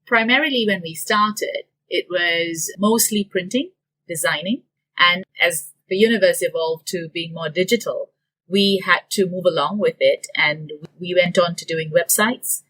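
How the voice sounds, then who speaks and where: Woman from singapore, business guest, lowish voice, explains things step by step. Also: a little slow, slightly rough, low-quality recording. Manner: detailed, steady explaining with fillers. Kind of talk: interview answers.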